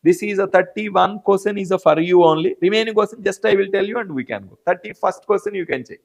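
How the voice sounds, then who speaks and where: Man, Indian English accent, high voice, biology teacher, live online class. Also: fast talker, vocal fry. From South India. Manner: repetitive, addresses students by name.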